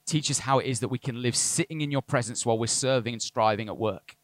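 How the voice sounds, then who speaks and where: A man's voice: mid-range voice, quick pace, no echo. A man preaching a sermon as a pastor, earnest with light asides to the congregation. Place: church service.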